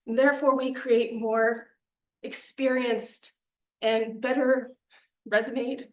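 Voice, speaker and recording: A woman's voice: on the high side, little pitch movement, slow. A young woman presenting a student media budget to a committee, earnest and persuasive, a little out of breath. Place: meeting room. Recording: echoey meeting room.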